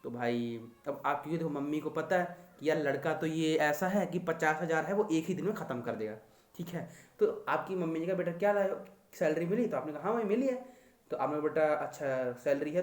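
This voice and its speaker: A man's voice: on the high side, brisk, roomy sound. A young man teaching economics to exam students in a chatty, teasing lecture style. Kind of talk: casual Hindi lecture.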